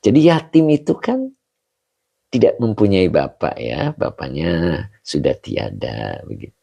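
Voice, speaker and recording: Low gravelly male religious teacher. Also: very animated, dark tone. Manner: reads out and greets viewers' comments; explains slowly, with rising checks like "begitu ya". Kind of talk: livestreamed Arabic grammar lesson.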